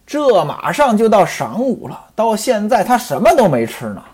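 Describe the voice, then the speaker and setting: A storyteller retelling a classic novel in traditional style, pausing to explain asides to the listeners. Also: mid-range voice, very animated, darkish tone, breathy edge.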